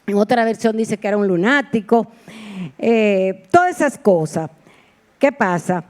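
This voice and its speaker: A woman's voice: medium pitch, expressive, unhurried, darkish tone. A woman preacher giving a sermon in a heartfelt, personal storytelling manner, with repeated exclamations. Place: church sanctuary.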